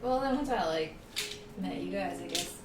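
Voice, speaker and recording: A woman's voice: lowish voice, lively intonation, moderate pace. A woman player chatting casually at a tabletop game, with lots of fillers. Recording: roomy sound from a distant mic with music behind.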